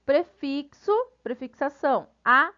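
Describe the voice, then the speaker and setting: A woman teacher with a Brazilian Portuguese accent giving a recorded grammar lesson, friendly with her students and spelling out syllables slowly. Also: high voice, bright, forceful tone, lo-fi sound. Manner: friendly, addresses students casually.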